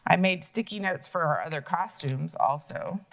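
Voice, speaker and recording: A woman's voice: low voice, moderate pace, vocal fry. A woman teacher walking young children through a logic puzzle, thinking aloud and asking them questions.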